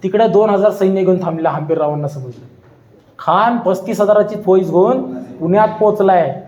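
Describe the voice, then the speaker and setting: A man's voice: high-pitched, normal speed, a little mellow, highs cut off. A man giving a storytelling history lecture, dramatic and repetitive, acting out voices. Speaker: public speaker. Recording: echoey hall.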